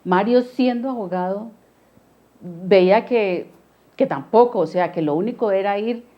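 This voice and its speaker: A woman, a dentist recalling her family's past in a soft, hesitant way during a television interview. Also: mid-range voice, unhurried. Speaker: interviewee, a dentist and the lawyer's wife. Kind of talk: testimonial interview. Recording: dull lo-fi sound.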